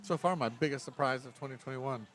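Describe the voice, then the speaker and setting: Faint music plays behind this middle-aged co-host of a laid-back film review podcast. He talks quickly in a mid-range, fairly bright voice, wandering off topic, fixing his own words, and laughing softly.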